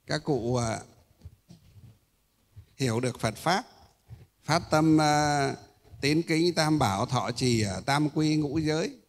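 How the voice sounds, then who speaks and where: A male Buddhist monk giving a sermon. He pauses often on drawn-out "uh" sounds and asks rhetorical questions that he then answers himself. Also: a little high. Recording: echoey hall.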